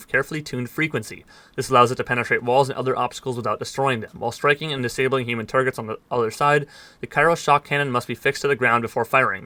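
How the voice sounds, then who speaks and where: A man's voice: mid-range voice, sharp tone, dry recording. A man reading in-game text aloud at speed, stumbling over words now and then and dropping dry asides. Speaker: gaming let's player.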